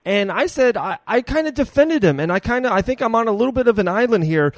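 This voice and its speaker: A man with a high-set voice hosts a casual sports podcast. He talks emphatically, repeating words to drive a point home, and the sound is dry and close. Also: expressive, quick pace, dry recording. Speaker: podcast host. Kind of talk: casual sports talk interview.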